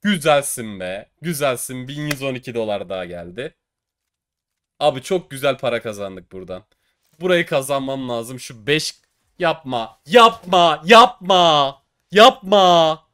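Excitable young man, dry close sound. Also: mid-range voice, moderate pace, dry recording. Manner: excitable, swings between boasting shouts and mock crying. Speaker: gaming streamer. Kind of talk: casual case-opening commentary.

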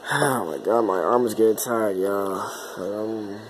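A man's voice: on the low side, steady tone, unhurried, noisy background. A teenage boy giving casual, exasperated commentary on his own old videos, often repeating himself. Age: teens. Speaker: YouTuber.

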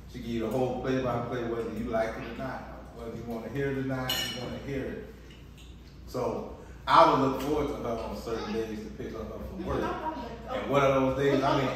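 A man co-hosting a family vlog, bantering playfully to the camera at the breakfast table with lots of restarts. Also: mid-range voice. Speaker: husband and co-host of a family vlog. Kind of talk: casual chat to camera. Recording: roomy echo, distant mic, faint noise.

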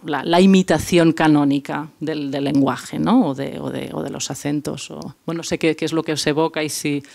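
A man's voice: on the high side, gravelly. A man giving an art course lecture, hesitant, with many restarts and tag questions.

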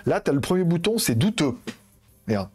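A man's voice: on the high side, very animated, normal speed, darkish tone, slightly rough, faint music behind. A man in a casual live stream, rambling and joking about phones and his plans, swearing now and then while he handles the devices. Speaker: tech streamer.

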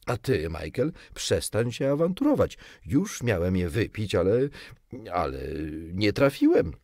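Man reading a sulky storybook dad, husky, swoops up into whiny highs. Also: big pitch swings, unhurried, a little mellow, no room sound, studio quality, heavily acted. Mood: defensive. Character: peevish self-pitying middle-aged father.

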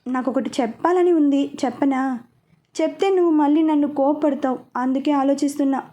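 A woman's voice: high-pitched, brisk, warm tone, natural voice. A woman voicing a sulky, playful young woman in a storybook reading, pouting and teasing.

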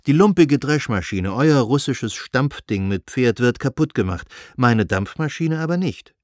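Man reading as a blunt old-fashioned landowner, gruff, scornful, dry close sound, storybook reading. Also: mid-range voice, lively intonation, measured pace, no echo, lightly acted. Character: gray-moustached male landowner, blunt and reactionary.

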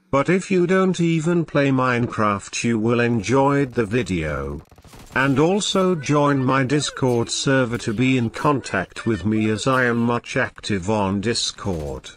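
Robotic male text-to-speech host voice, flat scripted delivery, slow pace. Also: medium pitch. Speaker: gaming channel host. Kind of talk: channel news update.

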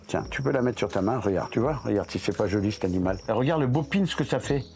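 A man in his seventies, a reptile keeper, giving a lively casual tour and coaxing his animals in a higher voice. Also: quick pace, creaky. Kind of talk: casual guided explanation.

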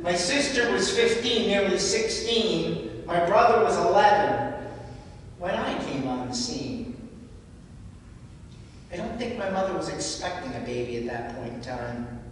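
High-voiced man preaching in an echoing church. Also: expressive, a little slow, slight background noise. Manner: personal storytelling, emotional at times. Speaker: homilist. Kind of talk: sermon. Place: large church. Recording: echoey church hall from far off.

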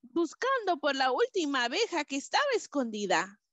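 A woman reading an adventure story to children in a playful, sing-song, animated way. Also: high voice, normal speed, no echo.

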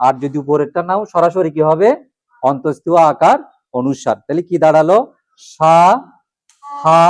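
A man's voice: a little high, a little mellow, no echo. A man teaching a class, drilling letters one by one and asking questions, then answering them himself. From Bangladesh. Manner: asks questions and repeats answers. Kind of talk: classroom lesson on alphabet pronunciation.

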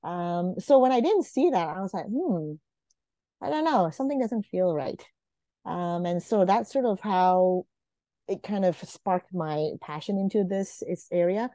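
Her lowish voice is warm, a little slow and lively in intonation, recorded dry. A woman in her forties from Malaysia, she's the guest in a casual interview on a video call from a room at home, talking earnestly with lots of fillers and restarts, and the webcam audio comes across dull and lo-fi.

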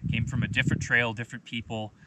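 A man in his thirties, a hiking vlogger, telling a personal story in a relaxed, conversational way and often saying "you know". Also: medium pitch, fast talker, heavy background noise. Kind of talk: casual storytelling to camera.

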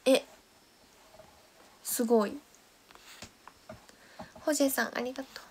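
Young woman, high voice, chatty livestream host on a close mic. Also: fairly even intonation, slow pace, a little hiss or hum. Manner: chatty, thanks viewers by name, drops to soft whispers. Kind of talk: casual livestream chat reading comments.

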